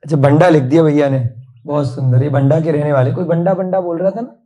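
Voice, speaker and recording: A woman's voice: deep voice, steady tone, fast, mellow. A woman teaching a class, drilling words and asking the pupils questions.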